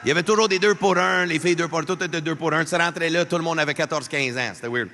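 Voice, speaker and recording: A man from Alberta in his thirties doing live stand-up comedy, animated and joking with the crowd while mixing French and English. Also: fairly high pitch, quick pace. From Alberta, Canada. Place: large arena before a live crowd. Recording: long arena reverb, faint crowd noise.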